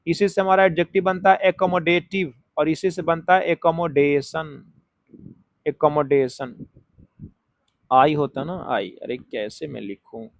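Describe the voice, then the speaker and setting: A man teaching an exam-prep English grammar lesson, explaining step by step, repeating key words slowly and asking and answering his own questions as he writes on a board. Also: on the high side, dry recording. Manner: writes on a board while talking.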